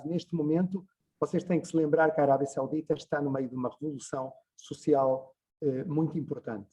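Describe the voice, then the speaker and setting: A man's voice: fairly high pitch, fairly even intonation, fairly quick, warm tone. A man, giving an online lecture as a journalist, talking discursively with frequent hesitations over a video call. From Portugal.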